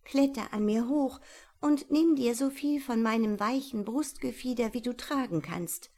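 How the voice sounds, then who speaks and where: A woman's voice: on the high side, unhurried, voice pushed up. A woman reading a children's story aloud and voicing a female barn owl who begs for help and later offers it kindly. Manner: pleading, tearful, later gentle and solemn. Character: desperate, then grateful female barn owl.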